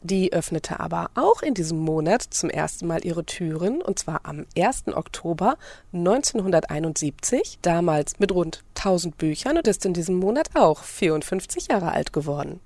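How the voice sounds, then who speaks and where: A woman reporter narrating a scripted radio feature in a steady, clear reading voice. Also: fairly low pitch, normal speed, dry recording.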